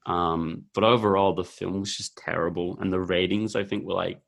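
A young man with a deep, low-pitched voice. He talks in a loose, laid-back ramble, full of ums and likes, as he chats about films. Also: steady tone, moderate pace, vocal fry. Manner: rambling, laid-back, heavy use of filler words. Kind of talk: casual chat about films.

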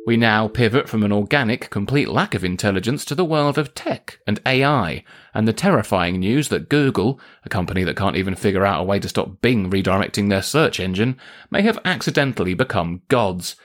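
A man's voice: fairly low pitch, expressive, fairly quick. A man presenting satirical news as anchor, dry and exasperated with his guests.

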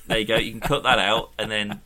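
A man co-hosting a podcast in casual chat, full of blokey, sweary, matey banter. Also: fairly low pitch. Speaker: podcast co-host.

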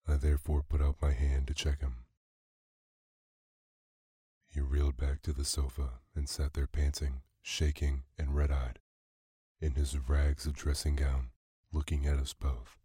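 A man narrating a classic story for a bedtime podcast in a calm, even way. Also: extremely low pitch, measured pace, breathy edge, no echo, clean studio sound.

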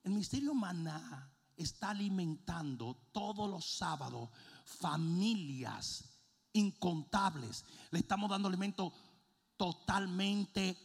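A middle-aged male pastor preaching with a gravelly, rough edge to a rather high voice. He tells his stories in an animated way, dropping to low asides and then rising to shouts. He mixes English words into his preaching. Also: slow, big-room sound. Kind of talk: sermon with a comic story.

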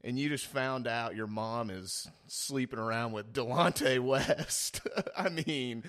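A man's voice: mid-range voice, takes it slowly, a bit bright. A young man co-hosting a casual sports podcast, rambling with fillers and laughing often. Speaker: podcast co-host. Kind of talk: casual chat.

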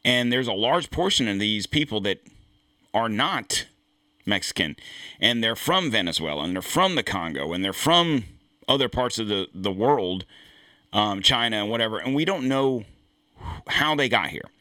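A fairly low-voiced man delivers a loose political commentary monologue as host, circling back and restarting his points in a blunt, profane way. His voice is bright and forceful, and the recording is dry and close, with little room sound. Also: big pitch swings, moderate pace, no echo. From United States. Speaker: podcast host.

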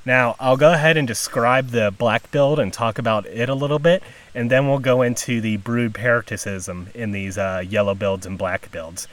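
A man of middle pitch hosts a nature podcast from outdoors. He explains things informally and chattily, like casual field narration. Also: steady tone, moderate pace, few pauses, fairly bright tone, dry recording, recorded from a distance. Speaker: podcast host.

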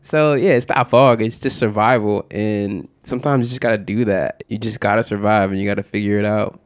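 A young man from Connecticut talking candidly as a podcast guest, laughing often and getting animated when he quotes people. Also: fairly low pitch, a little fast, clean tone. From Connecticut, USA. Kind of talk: casual reflective conversation.

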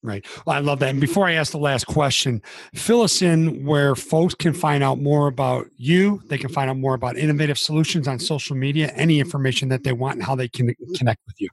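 A man's voice: medium pitch, fairly quick. A man hosting an interview, affirming his guest and steering the talk in a conversational way. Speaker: podcast host.

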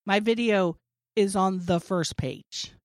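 A woman's voice: medium pitch, slow, darkish tone, dry recording, studio quality. A woman co-hosting a podcast, talking candidly and animatedly in casual chat. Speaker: podcast co-host.

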